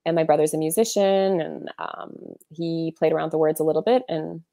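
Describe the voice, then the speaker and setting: A woman in her thirties, an author and illustrator, chats on a video call interview in a low, mellow, steady voice at a brisk pace. She's casual and talkative, full of fillers and restarts, and the audio has no echo.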